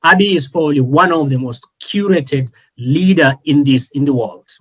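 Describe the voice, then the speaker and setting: A man's voice: fairly high pitch, normal speed, slightly rough. A man born and raised in Kenya, speaking as a panelist in an online discussion, earnest, with many fillers and restarts.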